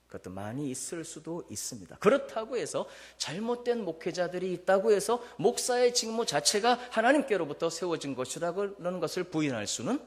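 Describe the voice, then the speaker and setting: A male pastor preaching a Sunday sermon, questioning the congregation and acting out family quarrels. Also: in a large hall. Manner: mimics quarrelsome family voices in high shrill bursts. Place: church sanctuary.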